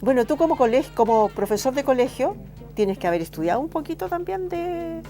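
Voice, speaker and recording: A woman's voice: sits high, lively intonation, a little fast, warm tone. Chilean woman asking lots of questions on a talk show, faint music behind her. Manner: curious, asks many questions with short "ya" replies. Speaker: co-host. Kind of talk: casual conversation on a talk show.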